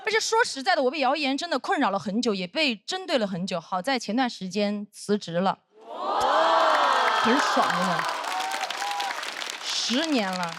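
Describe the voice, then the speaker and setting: A woman in her thirties performing a stand-up comedy set on stage, telling stories with animated acted-out voices. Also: on the high side, brisk, hardly any pauses, over a noisy crowd, very noisy. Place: comedy stage with live audience.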